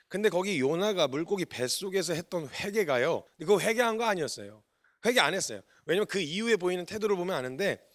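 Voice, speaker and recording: A man, a missionary preacher, giving a sermon in colloquial, animated storytelling style, acting out the quotes he tells. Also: high-pitched.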